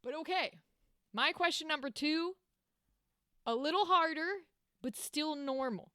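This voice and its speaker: A young woman co-hosting a podcast in loose, casual chat. She talks bluntly, swears freely and breaks into laughs. Her voice sits a little high and sounds dry and close, with no room around it. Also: a little slow, a bit bright, no echo. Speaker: podcast co-host.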